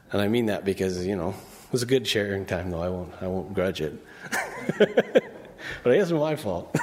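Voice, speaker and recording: A man's voice: mid-range voice, a little mellow. A male preacher giving a conversational sermon, often asking the congregation questions and reading verses aloud. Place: church.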